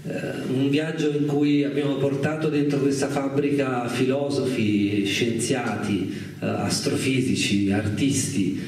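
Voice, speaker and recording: This documentary filmmaker, appearing as a guest speaker, has a mid-range, slightly mellow voice with fairly even intonation and a somewhat slow pace. His unscripted talk is hesitant and thoughtful as he searches for the right words. It was captured at a live radio event indoors, where the room echoes, the mic sits far off, and there's faint noise.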